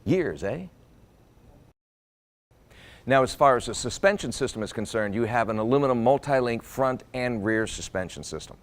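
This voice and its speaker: A man's voice: mid-range voice, a little fast, hardly any pauses. A man presenting a car review walkaround, with an upbeat, jokey, salesman-like delivery.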